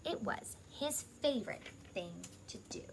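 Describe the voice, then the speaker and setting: Reading aloud to small children, this woman uses a voice on the high side and a careful, expressive storytelling manner, stopping for asides to her audience. A slight hiss or hum can be heard.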